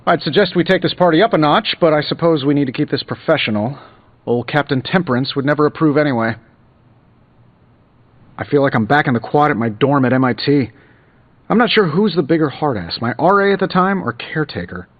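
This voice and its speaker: A man's voice: a little high, lively intonation, fairly quick. A man voicing a self-assured billionaire superhero inventor in a video game, breezy, sarcastic and boastful. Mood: wry, boastful. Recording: slightly dull audio under loud music.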